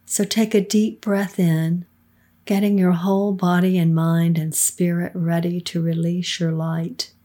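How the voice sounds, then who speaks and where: A middle-aged woman with a soft, soothing, breathy voice, leading a guided meditation in a calm, unhurried manner with hushed phrase endings. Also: fairly low pitch. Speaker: guided meditation leader, podcast co-host.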